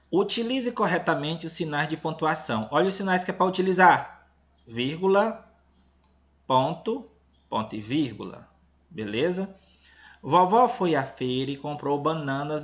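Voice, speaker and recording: A Brazilian man with a slightly high voice reads a grade-school lesson aloud. He talks patiently and often asks the class whether they follow. Now and then he teases them about nearly giving away the answers. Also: a bit bright. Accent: Brazilian Portuguese, Tocantins. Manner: patient, checks in with "entendeu?" and "beleza?". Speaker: teacher. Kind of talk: reading a lesson aloud to children.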